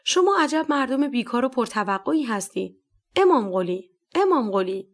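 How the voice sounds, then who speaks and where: A woman's voice: on the high side, big pitch swings. A woman voicing an impatient male deputy official who speaks curtly and condescendingly. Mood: dismissive. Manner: curt, condescending.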